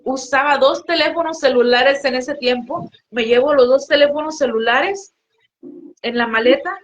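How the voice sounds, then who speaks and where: A woman's voice: sits high, normal speed. A woman with a northern Mexican accent giving an earnest, heartfelt church testimony and addressing listeners as brothers and sisters. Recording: muffled lo-fi recording with faint noise.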